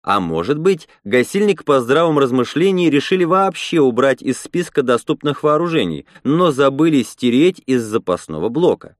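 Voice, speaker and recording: A smug male rebel leader addressing his crowd, lively and a touch raised, as a male narrator puts him on. He sounds pleased with himself in a dry, close reading. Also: medium pitch, moderate pace, few pauses, dry recording, pitched above the performer's own voice, lightly acted. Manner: speechmaking, smug.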